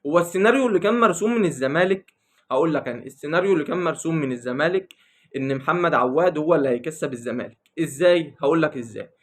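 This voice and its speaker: A man's voice: a little high, expressive, racing. A man with an Egyptian accent ranting about football in a casual vlog, teasing and repeating his jabs. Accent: Egyptian Arabic. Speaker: football vlogger. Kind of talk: casual football commentary rant.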